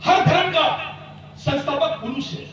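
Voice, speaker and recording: Heavily echoing distant recording, loud noise, man, booming rousing speech, exhortatory. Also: a little slow. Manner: emphatic, exhortatory, repetitive phrasing, rhetorical questions. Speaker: activist leader addressing a community convention. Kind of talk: booming, rousing political-style speech to a gathering.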